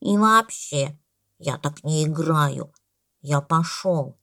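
A woman voicing a stubborn, literal-minded little elephant who speaks slowly and matter-of-factly. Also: low-pitched, creaky, exaggerated voice. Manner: slow, flat, matter-of-fact.

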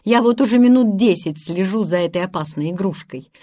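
A woman voicing a calm, commanding boy who leads his friends in a storybook reading. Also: medium pitch, fairly quick, lightly acted. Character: bold, calm boy captain.

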